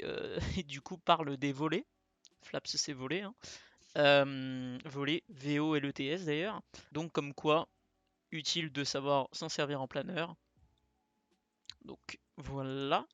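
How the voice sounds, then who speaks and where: A man's voice: on the high side, fairly bright tone, no echo. A young man talking casually through a tutorial as he shows the screen, chatty, with many fillers and asides. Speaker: flight sim streamer.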